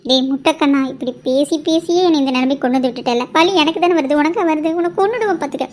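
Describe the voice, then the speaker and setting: A woman's voice: high voice, quick pace, a little mellow, lightly acted. A woman voicing a young cartoon wife in labour, wailing, pleading and snapping at her husband. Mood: angry. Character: young wife in painful labour, panicky and cursing. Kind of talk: cartoon voice acting.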